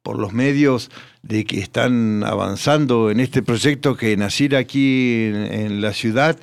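A man with a gravelly, creaky voice tells history in a relaxed radio chat. He pauses often and fills gaps with "eh" and "este" as he searches for words. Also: mid-range voice. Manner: hesitant, many fillers and restarts. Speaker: guest. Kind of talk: casual radio interview.

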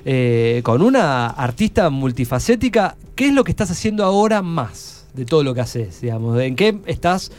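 An Argentine man hosting a radio interview, asking questions in a relaxed, conversational way. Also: mid-range voice, moderate pace, hardly any pauses. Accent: Argentine Spanish. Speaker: radio host.

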